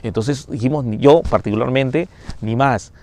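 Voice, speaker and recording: A man's voice: mid-range voice, a little slow, darkish tone. A man, a firefighter paramedic telling his own ghost story, acting out the scenes with sound effects and little asides. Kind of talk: first-person ghost story told on camera.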